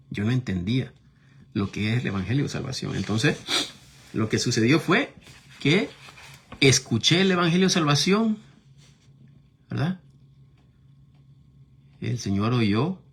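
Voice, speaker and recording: Gravelly and on the low side, with a breathy edge, the voice belongs to a middle-aged Nicaraguan man preaching and sharing his testimony. He speaks conversationally in his Nicaraguan accent, constantly checking in with his listeners through tag questions.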